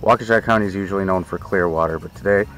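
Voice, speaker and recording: Speaking very fast in a deep, fairly bright voice, this fishing vlogger talks casually to the action camera fixed on his boat. He's out on a lake in a small boat, chatting away and talking to himself while he fishes.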